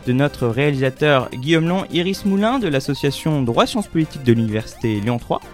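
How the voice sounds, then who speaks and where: A man's voice: a little high, lively intonation, a little fast, faint music behind. A man hosting a French student radio show, introducing guests in a friendly, loose way from the studio. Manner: friendly, introduces guests with small stumbles and laughs.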